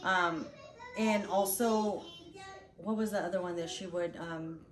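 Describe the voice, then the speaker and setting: A woman's voice: mid-range voice, big pitch swings, a little slow, vocal fry. A woman co-hosting a casual chat about parenting, talking loosely with fillers and restarts. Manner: chatty, frequent fillers and restarts. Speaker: channel co-host, parent. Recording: roomy with faint background noise.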